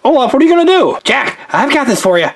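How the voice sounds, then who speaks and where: A jittery male snowman toy, as a woman puts him on, stammering and fretting in a toy play video. The voice sits high and leaps around a lot. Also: very animated, fast talker, breathy edge, full character voice. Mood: eager. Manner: stammering and nervous.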